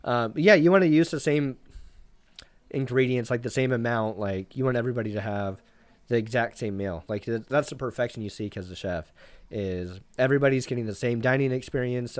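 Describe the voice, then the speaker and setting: A young man, a private chef, chatting casually on a podcast in a relaxed, rambling way full of fillers. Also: medium pitch, normal speed, dry recording. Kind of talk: casual interview chat.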